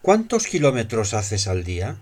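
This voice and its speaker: A man's voice: on the low side, huge pitch swings, moderate pace, a little mellow. A man reading short scripted dialogue phrases as examples for a language lesson.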